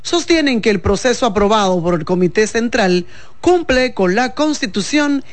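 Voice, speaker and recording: A woman reporting the news in a measured, formal tone. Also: a little high, lively intonation.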